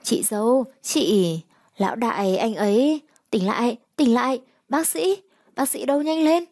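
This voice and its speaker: A woman's voice: a little high, normal speed, mellow, no echo, studio quality, close to an everyday voice. A woman voicing a loyal young gang underling who stammers urgently.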